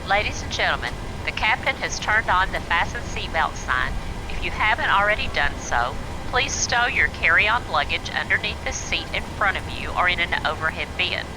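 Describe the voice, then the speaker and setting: A man's voice: high voice, expressive, moderate pace, noisy background. A man voicing a male flight attendant who makes a polite, formal cabin announcement over the PA. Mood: courteous. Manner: polite, formal, routine delivery.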